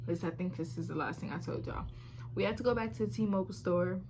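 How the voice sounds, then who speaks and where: A woman's voice: lowish voice, fast talker, background noise. A woman in her twenties chatting casually to camera in a home vlog, talking freely with lots of fillers and playful exclamations, recorded on a phone camera. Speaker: vlogger. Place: at home, indoors.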